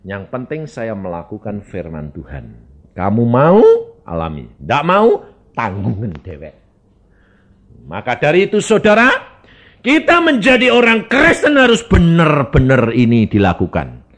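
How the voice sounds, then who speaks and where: Lively male preacher. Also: mid-range voice, unhurried. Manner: animated storytelling, sudden jumps in loudness. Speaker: evangelist preacher. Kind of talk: sermon.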